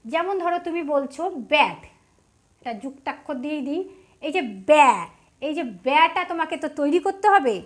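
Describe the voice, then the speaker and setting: A woman teaching English spelling, sounding out each letter slowly and with emphasis. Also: sits high. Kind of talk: patient step-by-step tutorial.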